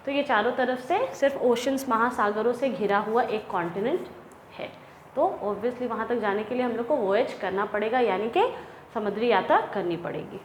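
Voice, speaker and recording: Hindi-speaking woman teaching a class, echoey room. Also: on the high side. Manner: slow, deliberate reading of English lines, then explaining in Hindi. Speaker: English teacher. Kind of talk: classroom lesson explaining a textbook chapter. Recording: echoey room with faint ambient noise.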